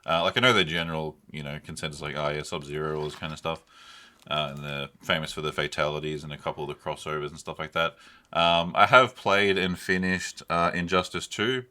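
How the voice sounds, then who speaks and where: With an extremely low, steady, sharp voice and brisk delivery, this young podcast co-host rambles through unscripted film and game reviews, full of slang and casual chat.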